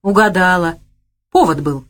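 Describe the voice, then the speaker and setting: A woman voicing a boastful, quick-tempered gangster man in an audiobook. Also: on the low side. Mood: gruff. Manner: gruff, boastful, blustering.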